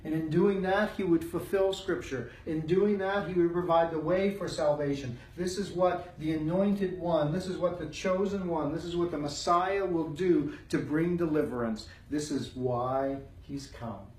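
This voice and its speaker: A man's voice: on the high side, moderate pace, hardly any pauses, a little mellow. A man teaching a Bible study, driving his points home through repeated phrases. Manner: emphatic, repeats phrases for weight. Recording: roomy sound from a distant mic.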